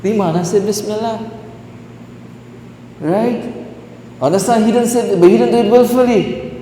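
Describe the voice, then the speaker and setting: A man's voice: high-pitched, normal speed, dark tone. A man, a mufti, teaching Islamic law in a lecture class, who keeps checking his listeners with "right?" and "what?". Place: mosque hall. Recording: roomy hall echo, faint hiss.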